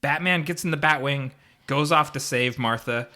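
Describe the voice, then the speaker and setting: A man's voice: on the high side, normal speed, bright, forceful tone. A man co-hosting a podcast, recapping a movie in casual chat with sarcastic asides and frequent laughter. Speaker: podcast co-host.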